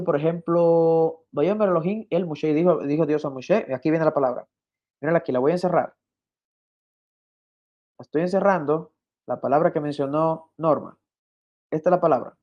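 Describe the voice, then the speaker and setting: A man's voice: fairly high pitch, dull audio. A man explaining ancient Hebrew text in an interview, teaching step by step and often checking in with the listeners. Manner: patient, repeats himself, checks in with "¿ok?". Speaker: guest explaining biblical Hebrew. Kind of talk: teaching over a shared screen.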